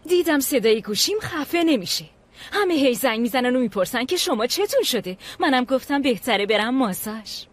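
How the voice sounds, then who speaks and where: A woman's voice: sits high, lively intonation. A woman dubbing a smug, chatty young woman in a drama. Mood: breezy. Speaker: dubbed actress playing a smug young woman. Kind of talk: Persian dub of a drama series.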